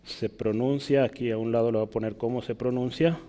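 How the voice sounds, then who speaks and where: A man's voice: mid-range voice, steady tone, a little fast, dark tone. Man preaching in a reverberant hall. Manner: conversational, often checks with the congregation. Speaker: pastor. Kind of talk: sermon.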